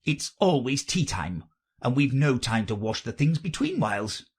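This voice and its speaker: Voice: mid-range voice, big pitch swings, normal speed, breathy edge, pitched above the performer's own voice. A reader voicing an eccentric, mournful and argumentative storybook man who explains himself in a theatrical, insistent manner.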